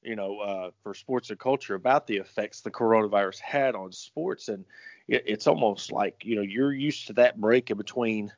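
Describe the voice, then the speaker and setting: A man's voice: fairly low pitch, moderate pace. A man talking sports casually as a commentator, in a rambling, folksy way. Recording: roomy, echoing, muffled audio.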